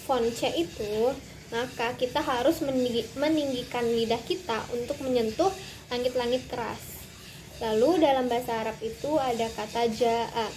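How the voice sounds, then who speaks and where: Young female student, high voice, careful explainer with pauses, faint noise behind. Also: a little mellow, low-quality recording. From Indonesia. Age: young adult. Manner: careful explanatory, frequent hesitations. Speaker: student presenter. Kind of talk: recorded class presentation.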